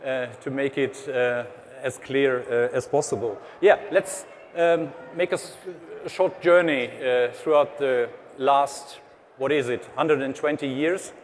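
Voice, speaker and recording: A man's voice: medium pitch, unhurried. A man from Germany with a German accent, giving a conference presentation with frequent hesitant fillers. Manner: hesitant, many uh fillers, explanatory. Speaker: trade association head presenting. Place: large exhibition hall stage. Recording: reverberant hall, faint background noise.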